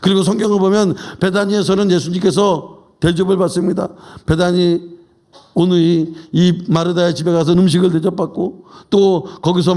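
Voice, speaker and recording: A man's voice: high-pitched, warm tone. A middle-aged male pastor giving a sermon in a conversational way, asking the congregation questions and acting out quoted dialogue in everyday speech.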